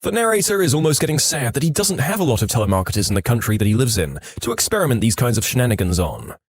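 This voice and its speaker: Close on the mic in a dry recording, a mid-range male narrator reads online stories for a scripted podcast. His storytelling is animated and quick-paced.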